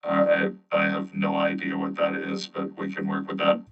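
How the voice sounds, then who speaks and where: A man's voice: a bass voice, completely flat delivery, moderate pace, vocal fry, voice pushed down, heavily acted. A male streamer talking through a voice changer that morphs his voice, playfully trying out silly voices. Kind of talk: casual live-stream banter. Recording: dull lo-fi sound with loud music. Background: music playing.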